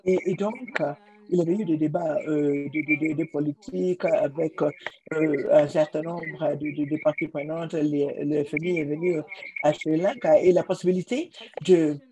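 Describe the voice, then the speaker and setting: A man giving simultaneous interpretation of a panel discussion, halting, with frequent restarts and repeated words. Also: fairly high pitch, steady tone, dark tone, low-quality recording. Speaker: conference interpreter.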